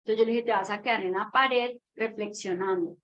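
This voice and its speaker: A woman's voice: mid-range voice, steady tone, a little fast, a bit bright. Hesitant mother telling a story. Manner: hesitant, many fillers, acts out voices in her story. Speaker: mother asking a question. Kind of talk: casual storytelling. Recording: dull lo-fi audio with faint noise.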